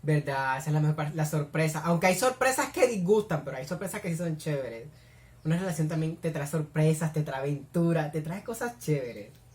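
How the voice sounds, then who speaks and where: A woman's voice: low voice, lively intonation, a little fast, darkish tone. A young woman with a Colombian accent doing casual reaction commentary at home, gushing and squealing as she watches. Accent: Colombian Spanish. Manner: effusive, squeals and gushes. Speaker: reaction video host. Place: home room.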